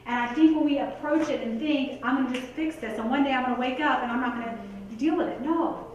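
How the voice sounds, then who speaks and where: A woman's voice: sits high, fast talker, lo-fi sound, slight background noise. Earnest woman speaking in an echoey hall. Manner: earnest, conversational, heavy use of "like" and "you guys". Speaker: motivational speaker. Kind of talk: motivational talk to a live audience. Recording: echoey hall picked up from a distance.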